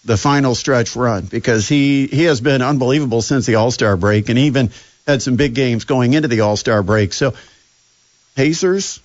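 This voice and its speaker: A man's voice: mid-range voice, normal speed, no room sound, highs cut off. A man hosting a sports radio show, talking casually with sarcasm and plenty of fillers. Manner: sarcastic, chatty, lots of fillers.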